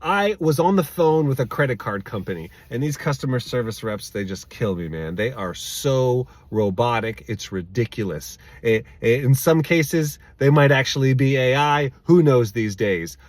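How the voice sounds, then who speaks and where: A man working as a sales coach, telling an exasperated story as advice, emphatic and quick to repeat his key words. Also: medium pitch, dry recording.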